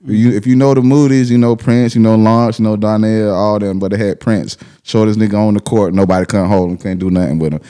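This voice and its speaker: A man's voice: lowish voice, fairly even intonation, fairly quick, hardly any pauses, dark tone, smooth. A man with a Southern US accent hosting a casual interview in slangy street talk, repeating phrases and often saying man and bro. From Glenville, Georgia, United States. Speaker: host interviewer of a hip-hop show.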